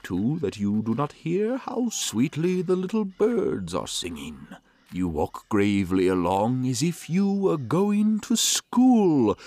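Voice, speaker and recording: A man voicing a wicked, sly male wolf in a storybook reading, slow and coaxing. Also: medium pitch, darkish tone.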